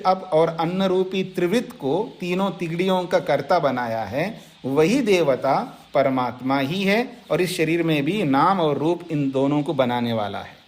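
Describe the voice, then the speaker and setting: Higher-voiced man lecturing on scripture. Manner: explanatory, repeats key points, addresses listeners directly. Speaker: monk teaching scripture. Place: ashram lecture setting.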